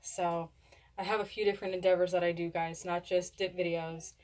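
A woman's voice: on the low side, little pitch movement, fairly quick, a little mellow. Young woman rambling with a lip full of dip. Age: young adult. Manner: rambling, stumbles over words. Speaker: video blogger doing a product review. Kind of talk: casual chat to camera. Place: indoors, small home room. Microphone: camera at a short distance.

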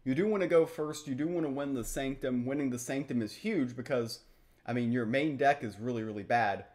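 A young adult man hosts a gaming video from a small room at home, his medium-pitched, slightly mellow voice moving briskly. His commentary is casual and explanatory, rambling along in a matter-of-fact way.

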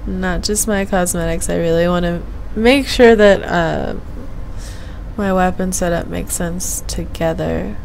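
This young woman's voice is lowish, creaky and darkish in tone, with a measured pace. She chats hesitantly and aimlessly on a game stream, half muttering into a gaming headset mic in a small room at home, with slight background noise present.

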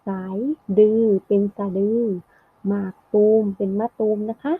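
A woman teacher giving a lesson, explaining slowly and clearly and ending sentences with polite particles. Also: medium pitch, little pitch movement, dry recording. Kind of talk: classroom lesson narration. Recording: thin phone-like audio.

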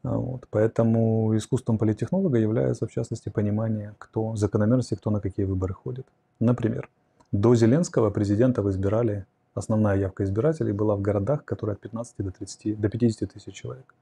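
A man in his forties lectures on philosophy during a livestream, pausing to sketch on a whiteboard as he answers questions. His voice sits low with a very dark, mellow tone and a touch of huskiness. He is close-miked on a lapel in a quiet curtained room. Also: fairly even intonation, creaky, breathy edge. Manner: reflective, explains with a whiteboard, reads questions aloud then answers. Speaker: host answering viewer questions. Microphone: lapel mic.

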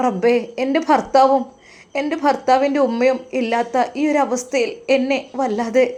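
A woman's voice: a little high, measured pace, a little mellow, natural voice. A woman voicing a hurt young wife who pleads sorrowfully.

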